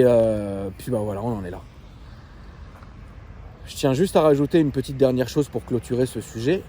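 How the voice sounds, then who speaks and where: A man telling a story casually in a vlog, chatty and animated with many fillers, then showing off his car from inside it. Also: medium pitch, a little hiss or hum. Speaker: car vlogger.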